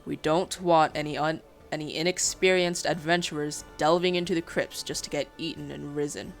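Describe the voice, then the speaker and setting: A woman's voice: sits low, steady tone, normal speed, faint music behind. A woman voicing a blunt, irritable tavern keeper, reading his lines aloud from a story. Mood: stern. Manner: snappy and blunt.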